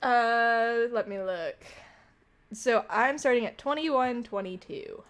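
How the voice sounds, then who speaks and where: Excitable high-pitched woman streamer, giggling and swearing. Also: takes it slowly. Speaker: streamer host. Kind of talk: casual stream chat. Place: room at home at a desk.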